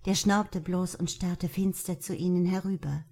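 A woman narrating a novel in a steady, even audiobook reading. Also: fairly low pitch, moderate pace. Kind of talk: scripted narration.

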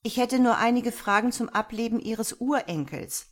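A woman voicing a seasoned female police detective, speaking in a brisk, matter-of-fact way. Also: a little high, pitched above the performer's own voice, lightly acted. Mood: formal.

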